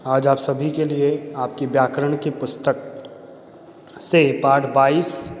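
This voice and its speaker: Slow, patient male Hindi teacher in echoey room. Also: a little high, slight background noise. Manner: slow, explaining and repeating for children. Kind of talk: classroom grammar lesson. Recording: echoey room with long reverb, faint ambience.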